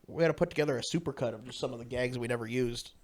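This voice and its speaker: A man's voice: mid-range voice, rapid-fire. Laughing, rambling man on a commentary track. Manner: laughing, rambling, self-mocking. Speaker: co-creator commenting on his show. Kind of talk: casual commentary chat.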